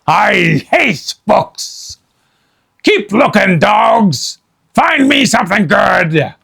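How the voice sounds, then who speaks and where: A man voicing a greedy, brutish pirate captain who growls and roars slowly in a gravelly voice in a storybook reading. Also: high-pitched, big pitch swings, pushed and bright, pitched above the performer's own voice, exaggerated voice. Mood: gruff roaring. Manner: slow growling roar.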